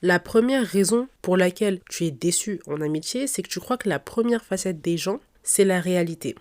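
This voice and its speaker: Speaking with lively intonation at a moderate pace, this young podcast host has a slightly mellow voice on the low side, thickly nasal from a stuffed nose. She's battling a cold and sore throat but still gives informal advice straight to her audience over faint background music.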